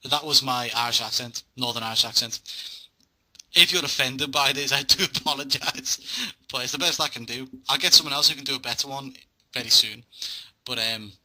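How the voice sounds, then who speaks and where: A man's voice: mid-range voice, pushed and bright, rough recording. A man hosting a casual chat, joking and bantering as he puts questions to a guest. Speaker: podcast host asking a boxing pundit questions.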